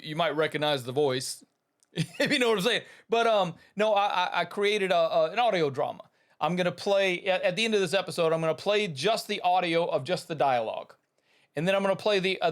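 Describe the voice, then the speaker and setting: A man with a high, slightly bright voice hosts a podcast on the business of running a studio. He talks casually and enthusiastically to listeners, rambling with restarts and calling things awesome.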